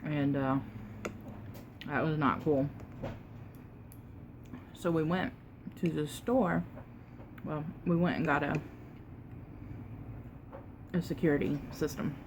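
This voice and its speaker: A woman tells a casual, unhurried story while eating, pausing to chew and sometimes talking with her mouth full, with emphatic retelling. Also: low-pitched, fairly even intonation, background noise. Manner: unhurried, conversational, emphatic retelling with quoted exchanges. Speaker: mukbang vlogger.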